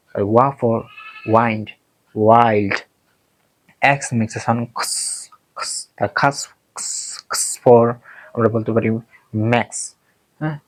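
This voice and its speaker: Very slow Bengali-accented phonics teacher. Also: male voice, mid-range voice, darkish tone, low-quality recording. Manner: drills each sound several times, slow and deliberate. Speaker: English pronunciation teacher.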